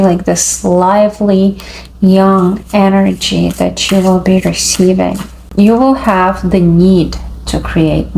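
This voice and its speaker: Slow gravelly-voiced woman reading tarot. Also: mid-range voice, a little mellow, slight background noise, poor audio. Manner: halting, dreamy, pauses often. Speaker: tarot reader.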